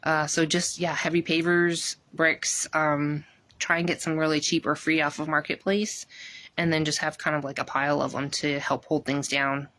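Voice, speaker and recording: Woman vlogger, slightly low voice, slightly breathless, rambles with plenty of ums while she walks her garden. Outdoors, phone mic. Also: level tone, moderate pace, a bit bright. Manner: rambling, many ums, chatty. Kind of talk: casual garden tour chat.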